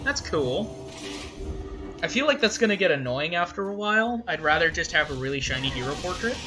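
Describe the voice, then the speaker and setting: A woman's voice: fairly low pitch, sing-song, fairly quick. A woman doing casual game commentary, playfully thinking aloud as she plays. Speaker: gaming host. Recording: faint game music behind.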